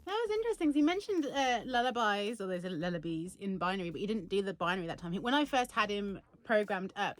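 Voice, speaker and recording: Woman vlogger, casual unboxing chat, giggly, slightly high voice. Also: no echo. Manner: chatty, giggly, talks to her toy.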